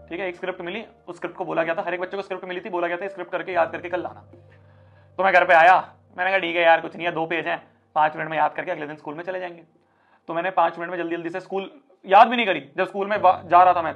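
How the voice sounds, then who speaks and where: A young man with a high, quick voice tells his students a story from his school days, jumping into heated speech voices as he plays out each scene. His sound is slightly muffled, with faint background music running beneath. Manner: animated, acts out scenes in a fiery speech voice. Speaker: online teacher. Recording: slightly dull audio with soft background music.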